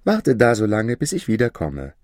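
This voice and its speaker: A man voicing a cunning wandering fiddler in a storybook reading, giving coaxing commands in a deep voice. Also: huge pitch swings, normal speed, darkish tone, no room sound, studio quality.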